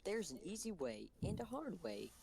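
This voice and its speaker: A man talking through a voice changer that drops his voice very low, chatting casually while playing a game with friends. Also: big pitch swings, moderate pace, gravelly, a little mellow, a little hiss or hum. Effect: pitch-lowering voice changer. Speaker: player. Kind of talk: casual group game chat.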